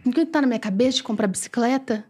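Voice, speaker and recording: A Brazilian woman telling a personal faith story as a podcast guest, animated and acting out quoted dialogue. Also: fairly high pitch, fast talker, husky. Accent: Brazilian Portuguese.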